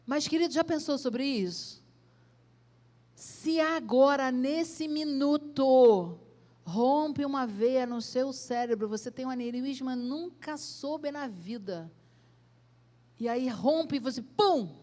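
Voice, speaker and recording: A woman pastor with a Brazilian accent preaching a sermon in a church, asking direct questions and swelling loud then dropping soft. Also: high voice, measured pace. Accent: Brazilian Portuguese.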